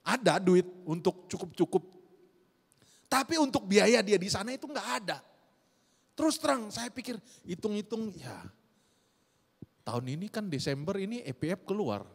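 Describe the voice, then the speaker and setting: A middle-aged pastor, preaching an animated sermon and often calling out to the congregation. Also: male voice, sits high, moderate pace, gravelly, long pauses, breathy edge. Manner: animated preaching, rhetorical questions, frequent "saudara". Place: church hall. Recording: church hall reverb.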